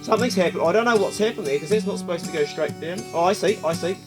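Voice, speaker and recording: A man with a broad New Zealand accent and a fairly high-pitched voice talks through a casual vlog. He thinks aloud as he demonstrates, blokey and colloquial, with loose swearing. Music is clearly heard along with his voice. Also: quick pace. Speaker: outdoor vlogger.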